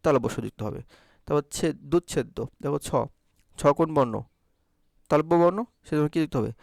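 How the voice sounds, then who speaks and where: A man's voice: a little high, fairly quick, creaky, a little mellow, dry recording, studio quality. A man teaching a Bangla grammar lesson, explaining step by step and answering his own questions. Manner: keeps checking understanding with short prompts. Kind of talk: recorded exam-prep lesson.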